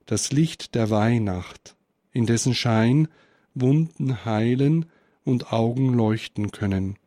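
A man giving a spiritual Christmas reflection and reading a story aloud, in a measured, contemplative way. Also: mid-range voice, dark tone, no room sound, clean studio sound. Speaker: spiritual speaker.

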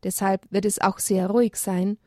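A woman voicing a wise, calm male owl who speaks thoughtfully. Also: mid-range voice, no room sound, studio quality, lightly acted. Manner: thoughtful, measured.

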